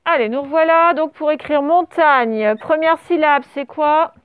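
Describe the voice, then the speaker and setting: A woman teacher leads a dictation correction for young pupils, taking it slowly and patiently. She spells each word out letter by letter and pauses often. Her voice sits high, and the recording is close, dry and a little muffled. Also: no echo. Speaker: primary school teacher. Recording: dull lo-fi sound.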